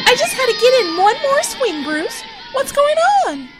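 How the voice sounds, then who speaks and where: A performer voicing an excitable, bossy, childish female sidekick in a comedy audio drama, squealing and demanding. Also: extremely high pitch, normal speed, loud music behind the voice, poor audio. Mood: alarmed.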